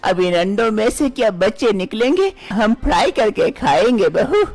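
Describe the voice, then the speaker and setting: A woman's voice: medium pitch, very animated, moderate pace, darkish tone, voice pushed up. A woman voicing a bossy older mother-in-law in a cartoon story, scolding and dismissive in a brusque manner. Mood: grumbling.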